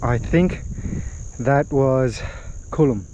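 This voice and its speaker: A man's voice: medium pitch, extremely slow, lo-fi sound, noisy background. Out-of-breath man breathing heavily outdoors. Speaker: vlogger. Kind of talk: casual vlog chat during a trail run. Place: outdoors on a mountain trail.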